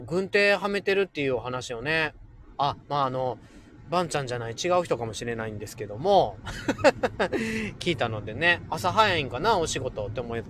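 A man's voice: on the high side, fairly bright tone, slight background noise. A man hosting a casual solo livestream, chatting playfully with listeners and laughing often. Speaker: livestream host.

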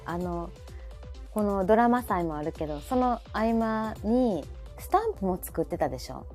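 A woman hosts a live audio talk show in a casual chat, attentive and frequently chiming in with short listening sounds. Her mid-range voice has a darkish tone, big pitch swings and a moderate pace. Background music plays beneath her.

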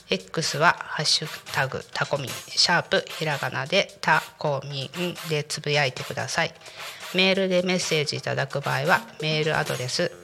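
A woman's voice: low voice, creaky, sharp tone. A woman hosting a community radio talk show in a conversational way, her voice nasal and stuffed up from a cold. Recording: music bed behind the voice. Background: music.

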